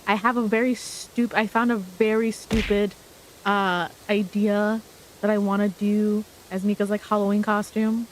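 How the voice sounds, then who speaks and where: A woman livestreamer chatting casually as she plays, with a cute, bubbly, animated anime-streamer delivery. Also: mid-range voice, a little slow, rough recording. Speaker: streamer hosting a game livestream. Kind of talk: casual livestream chat while playing puzzle games. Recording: clear hiss of steady background noise.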